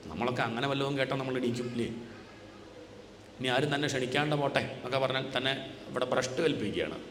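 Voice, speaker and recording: Spiritual teacher, male, mid-pitched voice, answers his own rhetorical questions; long hall reverb, faint background hiss. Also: fairly bright tone. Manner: asks rhetorical questions and answers them himself; chants scripture lines slowly. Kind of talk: religious discourse. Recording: echoey hall with faint noise.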